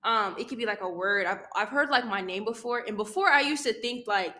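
A woman's voice: medium pitch, lively intonation, fairly quick, bright, forceful tone. A young woman co-hosting a casual faith podcast, talking in a rambling, self-correcting way and laughing often. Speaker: podcast co-host.

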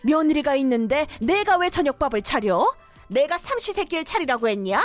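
A woman's voice: sits high, sing-song, moderate pace, soft background music. A woman voicing a domineering, scolding middle-aged mother-in-law in a cartoon story drama. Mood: furious.

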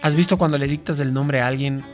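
A man hosting a radio show, joking in casual banter with quick asides. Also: mid-range voice, fairly even intonation, soft background music. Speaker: radio host.

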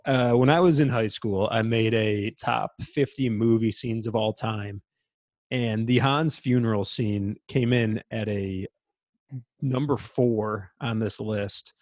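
A man's voice: slow, a little mellow, no room sound. A young man co-hosting a podcast, chatting casually and with enthusiasm about a movie, acting out lines from it. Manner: enthusiastic, acts out quotes in high voices. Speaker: podcast co-host.

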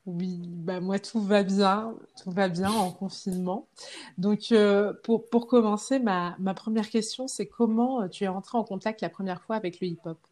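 A woman's voice: mid-range voice, fairly even intonation, normal speed, darkish tone. A woman hosting a podcast, reading an upbeat intro and then chatting with frequent hesitations. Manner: clear, upbeat read intro, then chatty with many fillers. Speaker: podcast host. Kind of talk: podcast interview with scripted intro.

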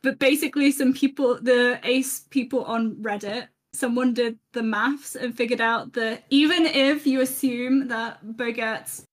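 A woman co-hosting a podcast, chatting casually in a halting, self-interrupting way. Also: fairly high pitch, steady tone. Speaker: podcast co-host. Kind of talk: casual chat.

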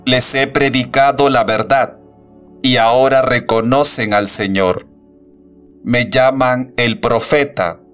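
A man voicing a solemn male robot prophet in an audiobook, with a booming metallic voice and a slow, preaching delivery. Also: steady tone, fairly bright tone, smooth, faint music behind. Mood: calm. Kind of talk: audiobook narration.

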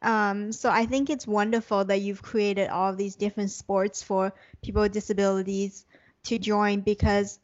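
A woman's voice: medium pitch, little pitch movement, moderate pace, lo-fi sound. A woman conducting a conversational interview in an affirming, encouraging way.

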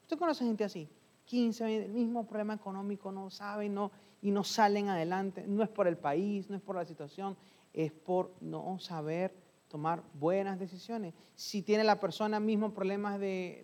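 Animated preacher telling a story loudly. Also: medium pitch. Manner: animated storytelling, rising to loud emphatic peaks; repeats key phrases for emphasis. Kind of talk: sermon.

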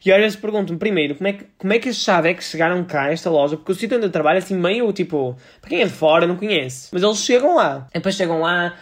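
A man in his twenties with a European Portuguese accent, hosting a solo podcast and telling shop stories in a sassy, animated way. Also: high-pitched, rapid-fire, hardly any pauses. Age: 20s. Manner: sassy, animated storytelling with playful asides. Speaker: podcast host; retail shop worker. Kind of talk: casual solo podcast monologue.

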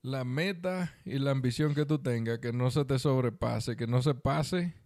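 A man with a Dominican accent talks casually as a podcast co-host. His medium-pitched voice is clean and resonant, recorded dry. He uses colloquial slang and repeats himself for emphasis. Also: a little slow, a little mellow, dry recording. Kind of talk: casual conversational chat with advice to listeners.

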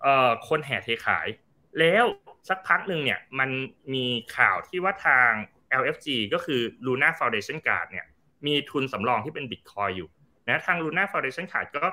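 A man talks through a market crash on a talk show, explaining step by step and giving examples. His voice is strikingly bright, and his pitch swings widely as he talks. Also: big pitch swings, a little slow. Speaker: crypto advisory firm CEO, guest.

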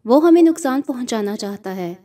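Woman reading a spooky spirit talking through a girl, threatening, kinda high and warm. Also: expressive, lightly acted. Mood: menacing. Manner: threatening, contemptuous. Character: possessing spirit speaking through a girl, male voice, menacing.

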